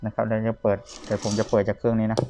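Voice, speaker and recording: Noisy home-style recording, man, lowish pitch, casual review, seller demonstrating equipment. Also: completely flat delivery, very fast. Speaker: seller demonstrating vintage audio gear. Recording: clear background noise, clicking buttons, radio bleed. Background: radio or tape of the demonstrated player.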